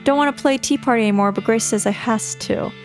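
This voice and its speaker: A woman's voice: a little high, fast talker, faint music behind, close to an everyday voice. A woman voicing an uneasy little frontier girl's diary in a game, with a plaintive, childlike, rustic way of talking. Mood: sad, reluctant.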